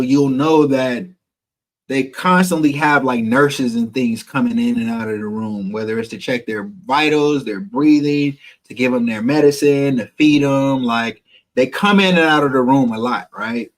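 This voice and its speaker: A man vlogging a personal story to viewers, candid and emotional, swearing freely. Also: mid-range voice.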